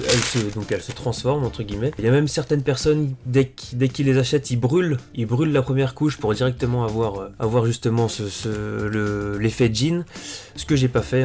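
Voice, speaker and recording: A man talking casually as a vlogger, presenting things in a relaxed show-and-tell with frequent fillers and self-corrections. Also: mid-range voice. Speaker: sneaker vlogger.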